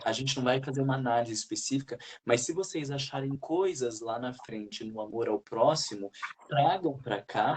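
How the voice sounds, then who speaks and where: A man's voice: mid-range voice, a little hiss or hum. A man leading a spiritual study group, talking in an earnest, reflective way and putting questions to the group.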